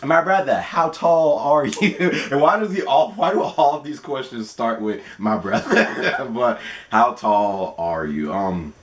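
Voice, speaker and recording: A man's voice: medium pitch, measured pace, slight background noise. A man in his twenties hosting a casual question-and-answer vlog, playful and laughing often. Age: 20s. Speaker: gaming channel host.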